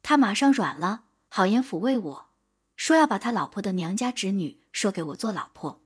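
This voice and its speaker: A woman narrating an audiobook in a steady, measured storytelling manner. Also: mid-range voice, husky.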